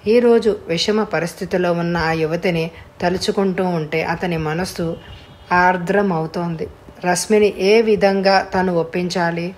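Woman narrating a story, low-pitched. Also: fairly even intonation, a little slow, a little mellow, a little hiss or hum. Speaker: audiobook narrator.

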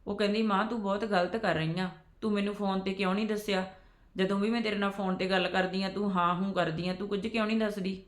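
A woman's voice: mid-range voice, steady tone, quick pace, roomy sound. A woman telling a family story aloud, with frequent "she says" tags in a chatty way. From Punjab. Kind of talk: spoken storytelling with quoted dialogue.

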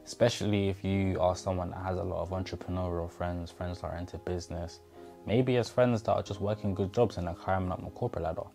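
Low, gravelly, and dark, the voice moves fast with fairly even intonation over soft background music. It belongs to a motivational vlogger in his twenties speaking sincerely to camera from his bedroom on a lapel mic.

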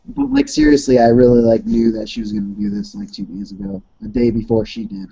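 A young man chatting casually, rambling, animated and swearing. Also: mid-range voice, brisk, gravelly, breathy edge, no room sound. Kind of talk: casual chat. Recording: dull, dry lo-fi recording.

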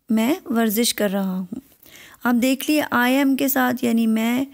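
A woman with an Urdu accent teaching English in a slow, patient language lesson, repeating each word and then giving its translation. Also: a little high, creaky.

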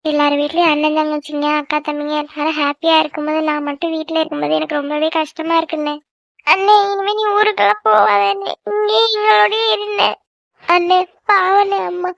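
A woman voicing a sassy high-pitched cartoon village girl. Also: creaky, no echo, highs cut off. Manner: sassy, whiny, quick-tongued. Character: cheeky teenage village daughter, loves her brother. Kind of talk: cartoon voice acting.

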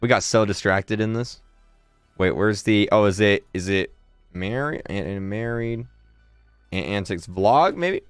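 A man in his twenties hosting a casual livestream, excitable and quick to laugh, repeating words as he reacts. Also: fairly low pitch, clean tone, no room sound, clean studio sound, faint music behind. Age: 20s. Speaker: livestream host.

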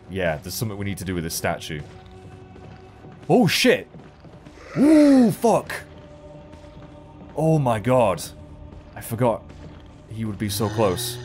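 A man in his thirties giving casual, jokey, sweary let's play commentary, thinking aloud as he goes. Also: on the low side. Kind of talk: casual horror game commentary.

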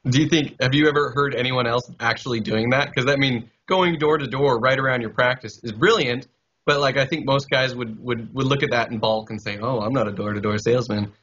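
A man's voice: mid-range voice, steady tone, a little fast, fairly bright tone, husky. A man in his thirties hosting a podcast interview, asking easygoing questions over a headset mic on a video call. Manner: easygoing, affirming listener. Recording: dull, lo-fi call audio.

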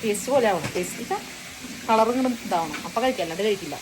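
A young woman vlogging casually from a home kitchen on a handheld phone, chatty and excitable as she talks to her viewers. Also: mid-range voice, racing. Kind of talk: casual vlog chat. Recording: clear background noise.

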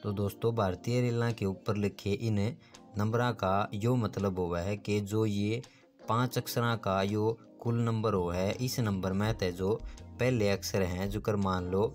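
A man's voice: on the low side, fairly even intonation, unhurried, a little mellow, faint music behind. A man with a Haryanvi accent giving a folksy, casual explainer voice-over, often turning to his listeners as friends. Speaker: host of an explainer channel.

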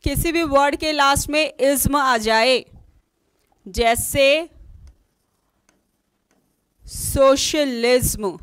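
A woman's voice: high-pitched, slow pace, fairly bright tone, no room sound. A woman teaching an online exam-prep lesson, spelling words out letter by letter and asking questions she then answers herself. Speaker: English teacher.

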